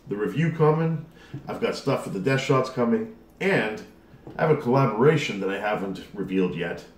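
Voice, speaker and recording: A man in his thirties chatting casually to camera as a vlog host. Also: mid-range voice. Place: dining room at home. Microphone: camera across the table. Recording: echoey home room.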